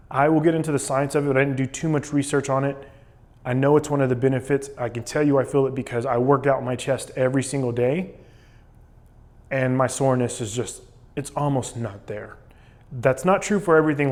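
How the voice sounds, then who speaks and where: A man's voice: medium pitch, darkish tone. A man talking casually and explaining things in a vlog monologue while sitting in ice cold water. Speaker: vlogger documenting a cold plunge challenge.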